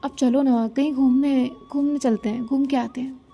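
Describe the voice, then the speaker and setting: A woman's voice: high voice, fairly even intonation, moderate pace, warm tone, husky, soft background music. A woman narrator voicing a playful, teasing young woman who jokes her way out of trouble.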